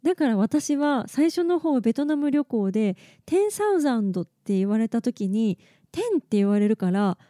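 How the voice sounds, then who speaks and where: A woman's voice: a little high, big pitch swings, moderate pace, few pauses, mellow, no room sound, clean studio sound. A woman hosting a casual solo podcast, chatting and explaining things step by step with a slight lilt. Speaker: podcast host.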